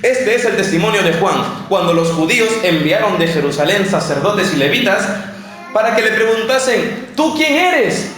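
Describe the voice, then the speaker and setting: A man preaching a lively sermon as pastor, acting out questions and answers and putting questions to his congregation. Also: high voice, normal speed. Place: church. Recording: echoey church hall, mic at a distance.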